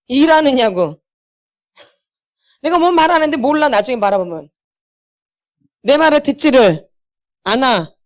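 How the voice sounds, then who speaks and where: Woman, middle-aged, high voice, church healing lecture, emphatic, asks the audience questions. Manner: emphatic, questions the audience, switches to blunt casual speech. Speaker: inner healing ministry lecturer. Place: church meeting hall.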